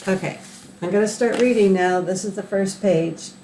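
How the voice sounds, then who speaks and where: An older woman, a sweet old lady, reads a picture book aloud to a child in a gentle, unhurried way, as a grandmother would. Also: medium pitch. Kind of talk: read-aloud storytelling with asides to a child. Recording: roomy echo, faint background noise.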